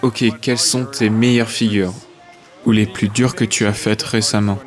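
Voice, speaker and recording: A man giving a voice-over translation of an interview, reading both the questions and the answers in a plain, even way. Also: lowish voice, moderate pace, soft background music.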